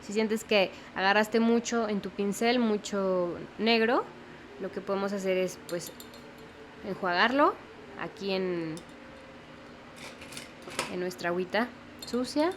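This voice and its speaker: A woman's voice: mid-range voice, slight background noise. Patient woman teaching watercolor. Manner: patient, explains slowly, often checks in with the viewer. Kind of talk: step-by-step painting tutorial.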